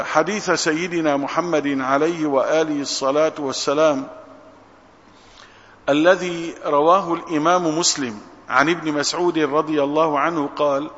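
A man giving an Islamic religious lesson, measured and emphatic, slowing down to stress quoted scripture. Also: on the high side, fairly bright tone. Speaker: Islamic preacher. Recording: dull recording with long hall reverb.

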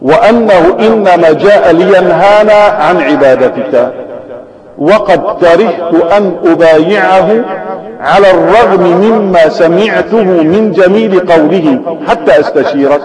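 A man's voice: sits high, a little slow. A man reading as a stubborn old lame chief. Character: proud old lame man, chief devoted to his idol. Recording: echoey hall with a crowd.

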